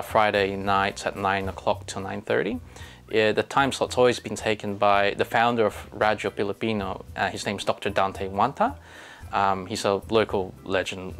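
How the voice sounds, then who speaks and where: Man, 30s, low gravelly voice, reflective interviewee, soft music bed underneath. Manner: earnest, reflective, with frequent ums and uhs. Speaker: station chairperson and presenter. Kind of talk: documentary interview. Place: radio station music library. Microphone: lapel.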